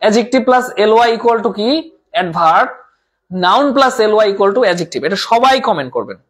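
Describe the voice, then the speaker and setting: A man's voice: high-pitched, expressive, unhurried, husky. A man teaching a live online class, repeating terms, asking and answering his own questions, and mixing English words into his talk. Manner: reads out viewer comments.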